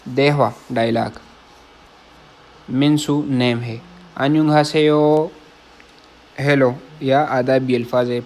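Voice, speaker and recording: A man's voice: mid-range voice, slight background noise. A man from Pakistan, teaching Korean vocabulary in a casual lesson. He reads each word, repeats it, glosses it in Urdu and keeps checking that listeners follow. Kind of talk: casual classroom-style lesson.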